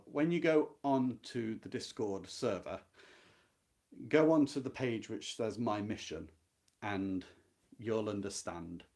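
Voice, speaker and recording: A book club host talks live and informally about a classic novel, sounding reflective, earnest and emphatic. He has a medium-pitched voice with a somewhat dark tone.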